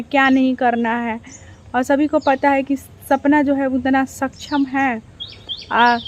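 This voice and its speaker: A woman reaction vlogger, chatting casually to her viewers, full of rhetorical questions and repeated phrases. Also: sits high.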